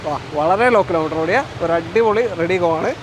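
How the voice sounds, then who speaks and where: A man's voice: high-pitched, moderate pace. A man with a Kerala Malayali accent hosting an unscripted used-car showcase, mixing Malayalam with English words and repeating back details. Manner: repeats and confirms what he is told. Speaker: used-car video host. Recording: clearly noisy outdoor street-side sound.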